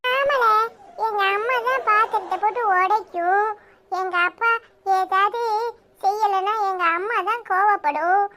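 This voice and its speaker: A woman's voice: very high voice, a little slow, sharp tone, heavily acted. A woman voicing a chatty, teasing young village boy in a cartoon, with a Tirunelveli Tamil accent. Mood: gossiping. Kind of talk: cartoon voice acting.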